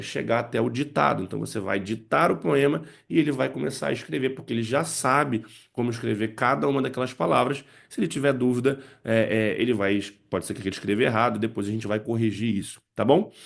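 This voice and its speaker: A man's voice: medium pitch, creaky. A man teaching how to use poems in English lessons, explaining step by step and checking in with his listeners. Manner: explanatory, frequent "né" and "tá" check-ins. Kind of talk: spoken lesson to parents and teachers.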